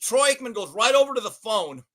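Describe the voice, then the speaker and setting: A man hosting a casual sports podcast, telling a story with animated delivery and acted voices. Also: very high-pitched, fairly quick, low-quality recording. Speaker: podcast host.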